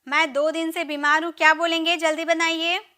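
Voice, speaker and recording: A woman teaching a live spoken English class, urging students to answer fast and saying English sentences slowly. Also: very high voice, little pitch movement, pushed and bright. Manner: drills sentences, urges students to answer quickly; says English model sentences slowly and deliberately.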